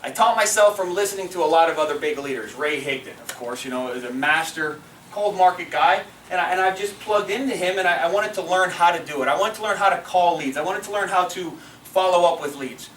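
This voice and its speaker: A man with a high, slightly bright voice talks a little fast as a team trainer, giving a loose training session full of fillers to a live audience in a meeting room. He often asks the room to agree with him. The recording picks him up from far off the mic, with a roomy sound and faint noise.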